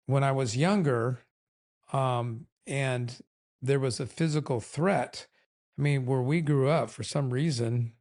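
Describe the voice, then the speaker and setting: A man's voice: medium pitch, slow, darkish tone. An older man talks things over with his wife on their podcast. He is candid and meandering, and often laughs at himself as he goes. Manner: candid, rambling, self-deprecating. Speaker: podcast co-host. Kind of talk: casual chat.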